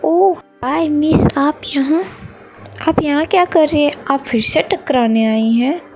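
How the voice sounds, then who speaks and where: A woman's voice: sits high, a little slow, darkish tone, soft background music. A woman voicing a playful teasing young man. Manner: playful, chatty.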